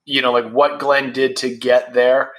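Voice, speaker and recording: Speaking a little slowly in a level, medium-pitched, slightly bright voice, this fifty-something podcast guest who founded a supplement brand chats casually. He's candid and blunt, and he swears freely.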